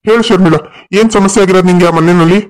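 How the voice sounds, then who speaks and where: A man's voice: sits high, fast talker, lightly acted. A man voicing a stern adult family man in a cartoon story, blunt and scolding. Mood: angry. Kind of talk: cartoon voice acting.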